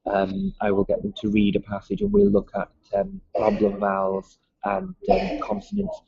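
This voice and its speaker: A man's voice: fairly low pitch, sing-song, normal speed, creaky, mellow, husky, dry recording. A man from Liverpool with a mild Liverpool accent, a music school owner answering interview questions hesitantly, with many ums and restarts. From Liverpool, England. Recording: dull lo-fi sound.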